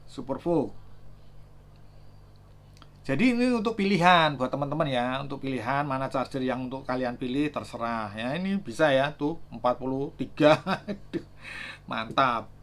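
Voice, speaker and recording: A man's voice: medium pitch, normal speed, a bit bright. A man casually demonstrating chargers, thinking aloud and reading out numbers with many fillers. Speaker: gadget reviewer. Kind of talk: casual product demo.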